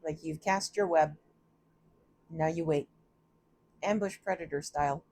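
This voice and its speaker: A woman's voice: deep voice, a little slow, darkish tone. A woman giving a casual, chatty tarot reading from a room at home, thinking aloud and often laughing at herself. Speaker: tarot reader.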